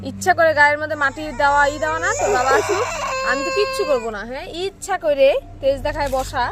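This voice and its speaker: A woman's voice: high-pitched, lively intonation, fast. A woman scolding and coaxing her child in repeated short phrases, talking casually outdoors by a street, recorded on a phone camera. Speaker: mother. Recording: loud street noise behind.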